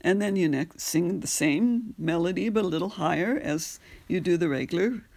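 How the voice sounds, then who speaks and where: A woman's voice: fairly low pitch, normal speed, darkish tone. A woman teaching on an audio lesson, patiently spelling out words and repeating phrases. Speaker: language teacher. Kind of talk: slow audio lesson on pronunciation and singing.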